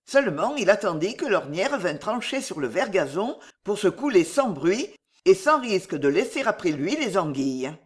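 A storyteller reading a medieval fox fable aloud in a steady, expressive way. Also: mid-range voice, moderate pace.

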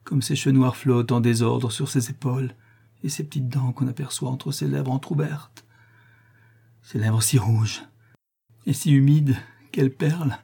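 A tormented notary in a fevered delirium, his cries climbing high and shrill, as a man acts him out. The voice underneath is dusky and husky, pushed to frantic outbursts in a storybook reading. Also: fairly even intonation, normal speed, mellow. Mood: rapturous. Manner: frenzied, shrill outcries. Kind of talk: audiobook character reading.

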